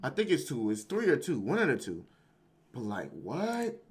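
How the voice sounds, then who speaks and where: A male streamer talks back at a video he is watching, with loose slang and a steady stream of "bro". His voice sits at an ordinary middle pitch. A clear hiss of noise runs under his mic the whole time. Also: moderate pace. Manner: slangy and emphatic, says "bro" constantly. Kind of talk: casual live-stream reaction chat. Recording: noisy stream audio.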